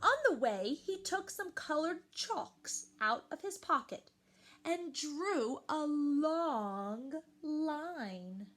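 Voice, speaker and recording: A woman with a high voice reads a picture book aloud to young children, animated and expressive, going slowly and deliberately and asking her listeners questions.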